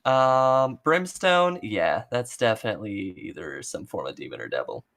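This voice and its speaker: Guy player chatting casually over a game, lowish voice, pitch jumps around a lot. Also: very animated, normal speed, fairly bright tone. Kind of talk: casual chat.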